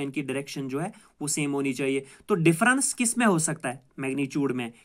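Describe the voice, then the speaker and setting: Patient male math teacher. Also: a little high. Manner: patient, repeats each point several times; mixes English math terms into explanations. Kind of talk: recorded lecture.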